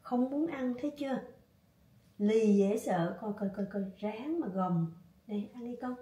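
Vlogger, female, Southern Vietnamese accent, higher voice, casual chatty delivery, roomy echo. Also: measured pace, distant mic. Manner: chatty, coaxing her dog in soft tones. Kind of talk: casual cooking vlog chat.

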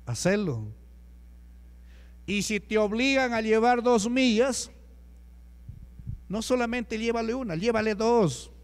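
A man's voice: high-pitched, lively intonation, slow pace, long pauses, clear, resonant tone, long reverb tail. A man with a Peruvian Spanish accent preaching a sermon as a deacon, talking to the congregation with rhetorical questions and acted-out quotes. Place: church hall.

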